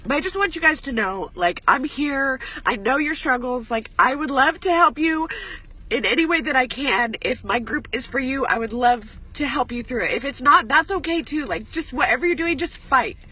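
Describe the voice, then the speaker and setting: Crying woman on a live stream, husky breathy voice but bright, swears a lot, says like all the time, voice goes high when she's emotional. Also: animated, moderate pace. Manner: earnest, rambling, swears often, many "like" fillers. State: tearful, crying. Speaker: fitness coach.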